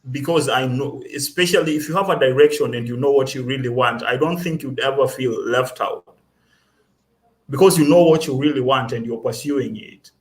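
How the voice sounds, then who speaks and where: A young Kenyan man, a student guest, speaks in an earnest and self-assured way. His pitch sits in the middle, and he often restarts a phrase before pressing on. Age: young adult. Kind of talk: casual interview.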